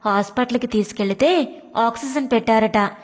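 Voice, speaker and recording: A woman's voice: on the high side, normal speed, close to an everyday voice. A woman voicing a patient middle-aged husband who reasons and coaxes, with long room reverb. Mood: reasoning. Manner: coaxing, reasoning tone.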